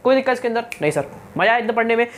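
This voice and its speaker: A man's voice: very high-pitched, expressive, racing, fairly bright tone, a little hiss or hum. A male teacher giving a science lecture, who keeps asking his students questions, answering them himself and checking that they follow. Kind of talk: classroom-style science lecture.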